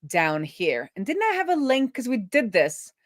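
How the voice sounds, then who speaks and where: A woman with a fairly high, sing-song voice speaks at a normal pace, recorded cleanly in a dry studio. She's a web developer hosting a relaxed coding livestream, thinking out loud casually as she works.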